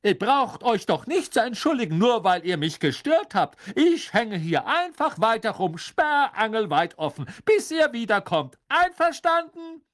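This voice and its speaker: A man's voice: very high-pitched, very animated, a bit bright, pitched above the performer's own voice, heavily acted. Man playing a huffy, sarcastic painted lady. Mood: sarcastic, offended. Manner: sarcastic, drawn-out, offended. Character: huffy, offended female portrait, theatrical and sarcastic.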